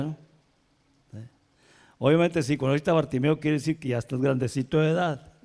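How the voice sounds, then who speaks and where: A male pastor preaching a sermon in a lively way, moving between soft asides and loud emphatic passages and often checking in with the congregation. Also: mid-range voice, vocal fry. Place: church sanctuary. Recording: long reverb of a church hall.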